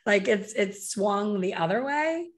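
Speaking through a desk mic on a video call, a woman in her fifties who teaches hair color is interviewed casually in a small, bright home room. Her mid-range voice is animated and measured, and she gestures and acts out what others say.

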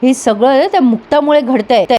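A woman's voice: high voice, expressive, moderate pace, dark tone. A woman voicing a bitter scheming woman, speaking in a defensive, complaining, blaming way. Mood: resentful. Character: bitter scheming woman, resentful and quick to blame.

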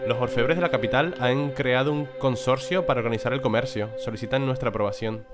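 A young man with a Spain Spanish accent commentates a video game at a quick clip, reading its text aloud in a medium-pitched voice. He talks casually and curses at setbacks. Game music plays clearly behind him. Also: steady tone. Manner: casual, swears and exclaims at setbacks. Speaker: gameplay commentator.

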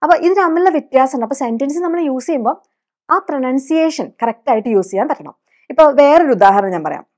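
A woman teacher with a Malayali accent and a slightly high voice. She explains things patiently and keeps asking her listeners questions as she goes. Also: lively intonation, fast talker, darkish tone. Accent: Malayali English. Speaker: English teacher. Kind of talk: teaching spoken English.

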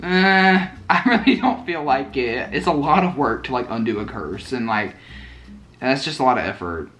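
A young man hosting a comedy vlog, teasing and deadpan with bursts of mock panic. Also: medium pitch, moderate pace, a little hiss or hum. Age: young adult. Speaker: host. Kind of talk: casual comedic vlog talk.

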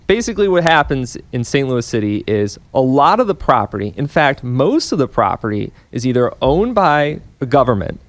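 Young male radio guest, mid-pitched, eager explainer, dry close mic. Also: big pitch swings, normal speed, hardly any pauses, no echo. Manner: earnest, explains at length with frequent restarts. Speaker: policy analyst guest. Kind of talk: radio interview. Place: radio studio. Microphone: studio microphone on a boom arm.

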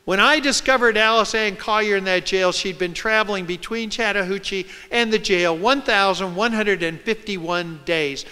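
A man speaks from a stage as a reporter, acting out scenes and quotes as he tells them. His voice is high and clear, with a smooth, resonant tone. A long reverb from the large lecture hall follows his words. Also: moderate pace, hardly any pauses, pushed and bright. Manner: dramatic, acts out scenes and quotes. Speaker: reporter giving a public talk. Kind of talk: storytelling lecture.

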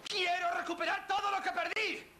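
A man's voice: high voice, very animated, normal speed, soft background music, full character voice. An actor playing an unhinged, menacing young man, childish and bitter, taunting and insistent in a dub. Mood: demanding, childish. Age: young adult. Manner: taunting, insistent repetition, swinging from soft to loud. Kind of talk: dubbed TV thriller acting. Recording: noisy old TV film soundtrack.

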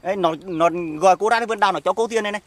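A middle-aged man with a Northern Vietnamese accent playing a jealous, hard-drinking husband who shouts sarcastic accusations outdoors in an orchard, in an amateur skit. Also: high-pitched, rapid-fire, no room sound. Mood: taunting.

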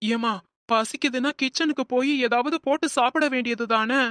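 A woman voicing a kind middle-aged man in a cartoon, speaking with gentle concern and mild scolding. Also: on the high side, moderate pace, no echo, clean studio sound, lightly acted. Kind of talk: cartoon voice acting.

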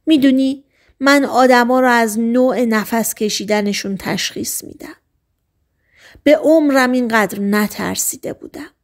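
A woman's voice: on the high side, natural voice. A fussy old blind man, read by a woman narrator rambles anxiously about a scare. The voice stays close to the reader's own, just a touch raised. It is part of an audiobook reading. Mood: frightened.

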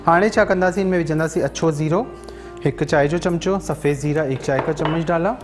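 Over music, a Sindhi-accented man in his thirties talks briskly in a fairly high voice while demonstrating a recipe on a live TV cooking show with phone-in callers. Chatty and switching languages, he often asks "theek hai?" from his studio kitchen.

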